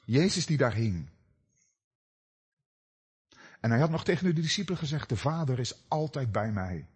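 A middle-aged man preaching a sermon, telling stories with dramatic swings between loud cries and hushed, low passages. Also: husky. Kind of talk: sermon with personal story.

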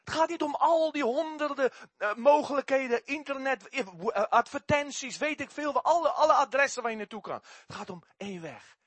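A man preaching a sermon and telling his testimony, talking in an animated way and often repeating words as he goes. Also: extremely high pitch, brisk, dry recording.

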